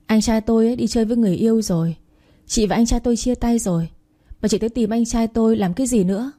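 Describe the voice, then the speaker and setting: A woman's voice: fairly high pitch, fairly even intonation, a little fast, dark tone, pitched above the performer's own voice, close to an everyday voice. A woman reading a storybook aloud and voicing a spiteful, haughty younger sister who mocks the heroine. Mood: sneering. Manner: mocking, haughty.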